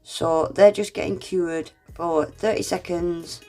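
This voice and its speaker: Congested and unwell, a woman chats her way through a casual step-by-step nail art tutorial, poking fun at herself and calling viewers "guys." Her voice sits on the low side with a steady tone, and she speaks slowly over music.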